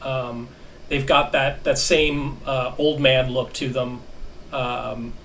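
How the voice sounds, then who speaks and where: A man narrating as game master of a tabletop role-playing session, halting with many fillers. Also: mid-range voice, little pitch movement, a bit bright, slight background noise. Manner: halting, many ums and restarts. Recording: distant mic with faint ambience.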